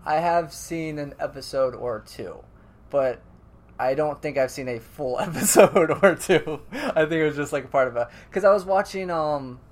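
A man's voice: on the high side, moderate pace. A man co-hosting a podcast in casual chat, rambling and restarting his sentences, often laughing. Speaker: podcast co-host.

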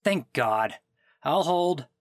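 A man's voice: fairly high pitch, animated, slow pace, no echo. Fed-up sarcastic guy on a complaint call, a man acting it, swings his voice all over, dry sound. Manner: sarcastic, indignant, bursts out. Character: exasperated man whose clone died. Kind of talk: comedic audio drama acting.

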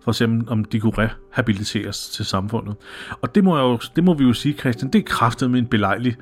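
Chatty Danish man recapping an episode. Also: mid-range voice. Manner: chatty, swears casually, acts out characters' lines. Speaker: podcast co-host. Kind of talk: casual chat recapping a TV episode.

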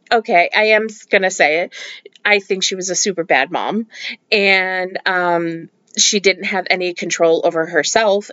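Slow, chatty woman telling a true-crime story. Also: mid-range voice, no room sound, highs cut off. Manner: opinionated, chatty, frequent ums and likes. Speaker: podcast host. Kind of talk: casual true-crime narration.

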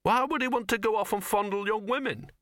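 A man's voice: high voice, a little fast, fairly bright tone, no echo, studio quality, voice pushed up. A man reading a story, voicing a stuffy, pompous male dean of a wizards' college. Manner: pompous, lecturing.

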